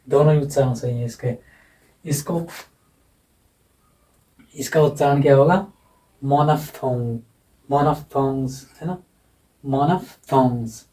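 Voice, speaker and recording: A man giving a phonetics lesson, slowly repeating sounds and words while he explains. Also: medium pitch, warm tone, recorded from a distance, rough recording. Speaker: teacher.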